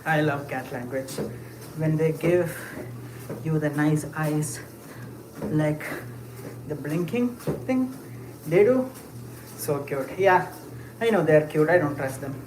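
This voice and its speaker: With a medium-pitched voice, this livestreamer speaks slowly and leaves long pauses while walking. Answering chat in a casual live stream, they muse aloud with frequent fillers and short laughs; echo and clear ambient noise fill the recording.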